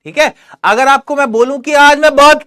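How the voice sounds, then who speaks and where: A man's voice: very high-pitched, fairly even intonation, brisk, bright, forceful tone. A man teaching an exam-prep English lesson, coaxing his students and asking and answering his own questions.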